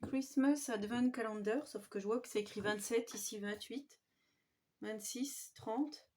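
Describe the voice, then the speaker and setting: A woman vlogger doing a casual show-and-tell of scrapbooking papers, speaking softly and admiringly with frequent hesitations. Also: mid-range voice, steady tone, unhurried. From France. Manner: soft-spoken, admiring, with frequent fillers.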